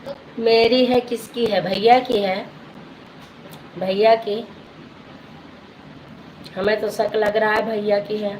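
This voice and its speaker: A woman's voice: medium pitch, flat delivery, slow, pauses often, a little mellow, slight background noise, low-quality recording. A woman, a folk singer chatting casually with viewers on a live stream, calling them sister and reading their comments aloud.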